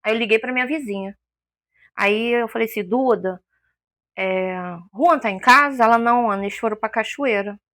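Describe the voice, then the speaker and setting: A woman's voice: a little high, normal speed, fairly bright tone, dry recording, studio quality. A woman giving an emotional personal testimony as an interview guest, a vivid storyteller who acts out the voices she quotes.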